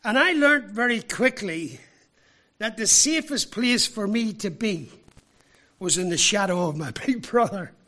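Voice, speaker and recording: A man from Ireland, preaching a sermon with emphatic rhetorical questions and deliberate pauses. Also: sits high, animated, sharp tone. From Northern Ireland.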